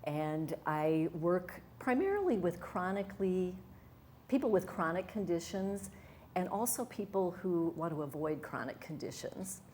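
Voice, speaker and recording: A middle-aged woman from Wisconsin, USA, who works as a wellness coach, is interviewed conversationally and responds with earnest enthusiasm, fillers, and restarts. Her voice sits on the low side with a darkish tone and lively intonation, her pace is a little slow, and a faint hiss or hum is audible.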